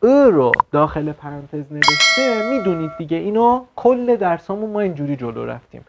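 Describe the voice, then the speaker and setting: A man teaching an online language lesson, explaining words slowly and checking in with quick questions. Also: fairly high pitch, sing-song, heavy background noise. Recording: slightly dull lo-fi sound.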